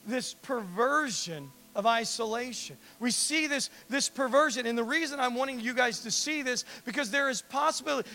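A man preaching a sermon in a church, in an animated, emphatic and conversational way. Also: very high-pitched, vocal fry. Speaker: pastor.

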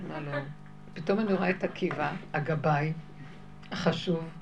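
A woman telling a story in a casual, animated way, often laughing and acting out what people said. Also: sits low, creaky, lo-fi sound. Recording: loud music behind the voice.

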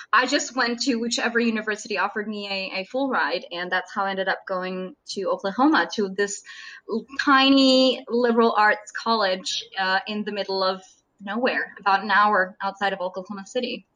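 A woman's voice: mid-range voice, pushed and bright, poor audio. A woman in her thirties from Serbia, a native Serbian speaker, chatting as a surgeon guest in an interview and laughing often. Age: 30s. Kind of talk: casual interview chat.

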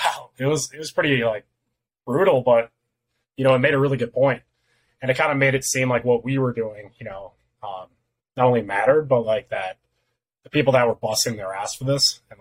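Podcast guest, a man with a slightly husky voice, talking loosely and frankly. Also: medium pitch, rough recording. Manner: loose and candid, swears casually. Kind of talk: casual chat.

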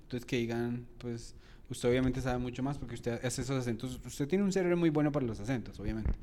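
A man with a Bogotá Colombian accent co-hosts a loose comedy talk. He rambles and thinks out loud, often breaking into laughter, in a middle-pitched, unremarkable voice. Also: fast. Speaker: co-host. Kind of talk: casual comedy interview.

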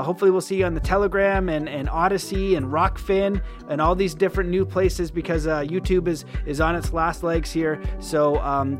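A man hosting a podcast, talking in an earnest, promotional way with many fillers. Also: fairly high pitch. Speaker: podcast host. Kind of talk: podcast intro and interview.

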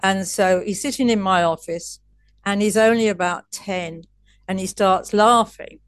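A woman's voice: mid-range voice, measured pace, clean tone, no room sound, clean studio sound. A woman coach as an interview guest, telling stories in a chatty way with frequent restarts and laughs. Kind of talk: casual interview storytelling.

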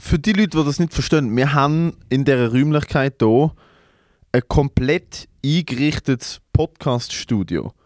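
A man's voice: moderate pace, darkish tone, no room sound, clean studio sound. A young man with a Swiss German accent co-hosting a podcast, teasing his partner and laughing often as he jokes. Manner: teasing, laughs often, jumps in high when joking. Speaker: podcast co-host. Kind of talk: casual banter. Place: small studio room.

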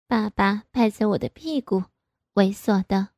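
Slow, mellow woman narrator. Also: mid-range voice, no echo, studio quality. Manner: slow, soft, even reading. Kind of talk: first-person audio story narration.

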